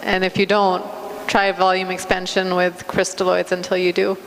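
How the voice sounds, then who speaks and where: A woman's voice: on the low side, monotone, moderate pace. A woman acting as session moderator, summing up and taking questions at a conference. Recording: echoey hall with background noise.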